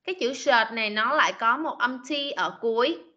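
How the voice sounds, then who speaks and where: A woman's voice: fairly high pitch, expressive, fairly quick, pushed and bright, highs cut off. A woman teaching an online English class to children, patiently drilling words and correcting their pronunciation. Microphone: video call.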